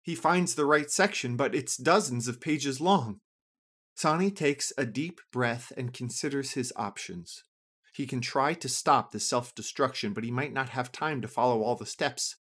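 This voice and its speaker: A storyteller reading a scripted adventure story for children, with an expressive, lively delivery. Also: normal speed, husky. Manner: lively, expressive reading with a wide pitch range.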